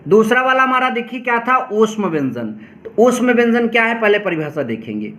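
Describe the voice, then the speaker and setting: Male teacher, high voice, bright sharp tone, repeats definitions slowly, calls on students to pay attention. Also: big pitch swings. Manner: repeats each definition slowly, spells out examples; addresses students directly, often says "pay attention". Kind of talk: classroom lesson explaining grammar.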